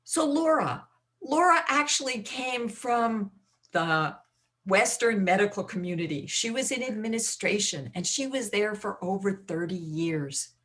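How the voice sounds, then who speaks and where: A woman hosting an online session talks in a brisk, chatty way, introducing her guest with a mid-range voice. She speaks over a video call and moves quickly from one point to the next. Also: medium pitch, expressive, a bit bright. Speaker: host, interviewer. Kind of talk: live online interview.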